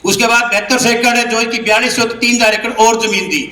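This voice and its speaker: A man's voice: very high voice, fairly even intonation, fast talker, bright, forceful tone. A man speaking as a party spokesman in a heated political debate, talking assertively and insisting on being heard. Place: large hall with public audience. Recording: echoey hall, faint noise.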